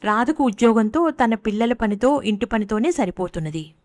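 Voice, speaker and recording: A woman's voice: a little high, lively intonation, moderate pace, a little mellow, no echo. Woman reading a story, dry and close. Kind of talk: scripted story narration.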